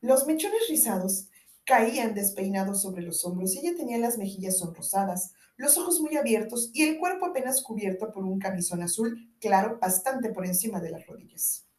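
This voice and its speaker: A woman's voice: medium pitch, distant mic. Woman narrating a novel, echoey room. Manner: expressive reading with voiced dialogue. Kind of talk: audiobook narration. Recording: roomy echo.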